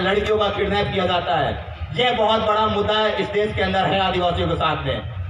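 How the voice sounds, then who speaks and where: A man's voice: sits high, reverberant, far from the mic, background noise. A man giving an impassioned public speech at a convention, firing rhetorical questions at the crowd.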